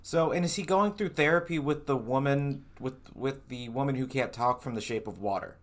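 A podcast host keeps a casual comedy conversation going with wry, teasing remarks. The talk is loose and unscripted, full of quick jokes at the guest's expense. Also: mid-range voice, crowd noise.

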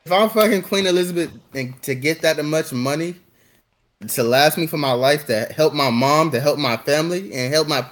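A man's voice: fairly high pitch, normal speed, a bit bright. A young man debating casually on a podcast like an insistent frat bro, profane and repeating his points.

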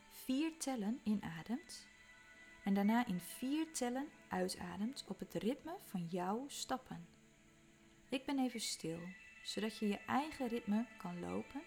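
A woman leading a guided walking meditation, giving calm, soothing instructions that sometimes drop to a soft whisper. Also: medium pitch, creaky. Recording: faint music behind.

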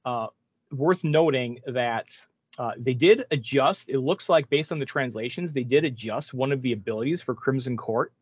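A man's voice: medium pitch, moderate pace, husky, no echo, lo-fi sound. A man co-hosting a gaming podcast, talking casually and rambling with many restarts. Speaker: podcast co-host. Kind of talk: casual chat.

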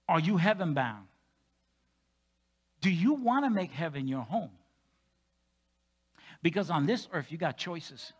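Man preaching in church, high voice, bright, animated, loud then quiet, joking asides. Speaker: senior pastor. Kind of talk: sermon.

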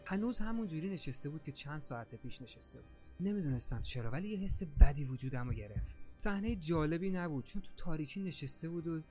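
A man's voice: on the high side, animated, few pauses, dark tone, soft background music. A man narrating a first-person creepy story in a casual, slangy way.

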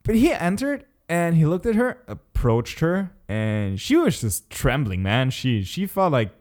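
Laid-back guy telling a school story, slow drawl, swears a lot, pitch bounces around. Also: very animated, a little mellow. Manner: laid-back storyteller, swears often, laughs mid-sentence. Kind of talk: casual chat, storytelling.

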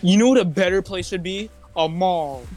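A young American-raised man talks in a fairly high voice with loose, sweary frat-bro slang. It is casual online voice chat with music in the background. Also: moderate pace. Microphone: voice chat on Discord.

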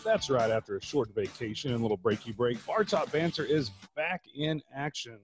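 A man's voice: medium pitch, a little fast, over music. An American man co-hosting a podcast in casual, chatty banter. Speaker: podcast co-host.

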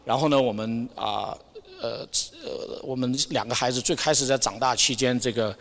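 Halting man sharing in a reverberant hall. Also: medium pitch, gravelly, fairly bright tone. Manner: halting and hesitant, searching for words, mixing in English words. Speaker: church member sharing a Sunday message. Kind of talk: informal church testimony sermon.

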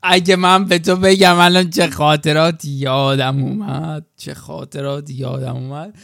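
A man co-hosts a casual chat, throwing in dramatic exclamations and crude jokes. His voice is high and gravelly with plenty of fry. The recording is dry and close. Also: little pitch movement, a bit bright, no room sound. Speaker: podcast co-host.

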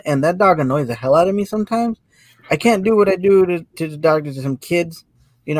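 Brief: male podcast co-host, higher voice, easygoing and jokey, dry close mic. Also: no room sound. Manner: laid-back and joking, swears casually. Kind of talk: casual podcast conversation.

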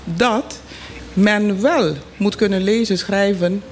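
A man explaining things informally as a panel guest, in halting, deliberate phrases. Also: high-pitched. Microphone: studio microphone. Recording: clear background noise.

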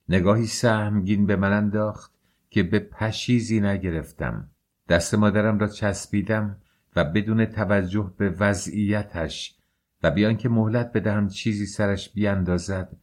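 Male audiobook narrator, low voice, measured and emotional first-person delivery. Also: darkish tone. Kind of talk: scripted narration.

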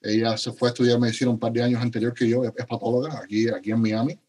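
Man from Cuba, middle-aged, husky, halting speech, interview guest. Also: mid-range voice, level tone, darkish tone. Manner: halting, frequent restarts and stammers. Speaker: podcast guest. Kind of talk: conversational interview.

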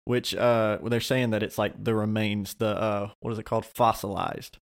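A man's voice: on the low side, level tone, moderate pace, gravelly. A man co-hosting a casual faith podcast, reading an article aloud, tripping over hard names and dropping jokey asides. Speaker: podcast co-host.

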